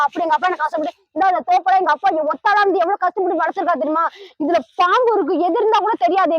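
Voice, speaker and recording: A woman in a village comedy skit, playing a daughter who scolds and refuses her lover in a shrill, defiant way. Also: dry recording, lo-fi sound.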